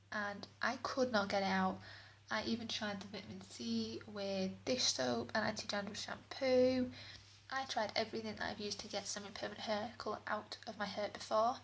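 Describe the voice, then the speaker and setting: A beauty vlogger chats her way through a product review in a chatty, rambling manner, recorded in a small bathroom whose walls bounce her voice back as echo. She has a medium-pitched, slightly bright voice, with a little hiss or hum on the recording.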